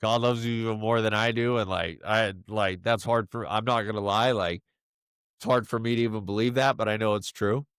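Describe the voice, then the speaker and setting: A man recording a personal video message to his young son, halting and emotional, choked up and full of fillers. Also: lowish voice, fairly even intonation, fairly bright tone, smooth, no echo, studio quality.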